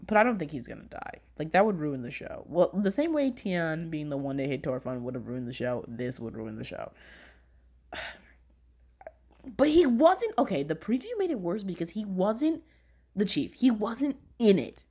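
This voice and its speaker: A young woman hosting a casual weekly review podcast, animated and sweary, swinging from low mumbles to high squeals. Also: normal speed, breathy edge. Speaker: podcast host reviewing shows.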